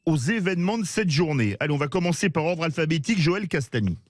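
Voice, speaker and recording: A man hosting a sports radio talk show, introducing guests and asking questions in a measured way, sometimes correcting himself. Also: on the high side, animated, background noise. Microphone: studio microphone.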